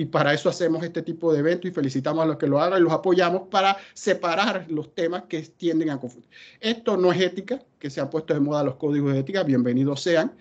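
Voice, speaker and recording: A man speaks emphatically in a webinar presentation. He poses questions and answers them himself. The audio is dull and lo-fi. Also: on the high side. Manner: emphatic, asks and answers his own questions. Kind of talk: presentation talk.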